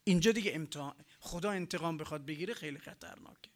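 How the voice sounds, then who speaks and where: A man's voice: a little high, gravelly. A man preaching a sermon, with emphatic repetition and rhetorical questions.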